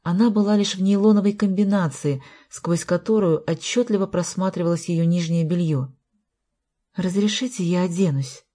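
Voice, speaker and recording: A woman reading a novel aloud in an even, measured narration. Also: on the low side. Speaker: audiobook narrator. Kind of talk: scripted narration.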